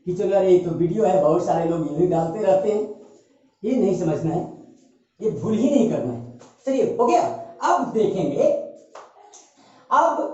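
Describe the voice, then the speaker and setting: A man's voice: high-pitched, a little mellow. A male teacher giving a grammar lesson, explaining emphatically and repeating key points with tag questions. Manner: repetitive, emphatic explaining with frequent "है ना" tags. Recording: echoey room, distant dull mic.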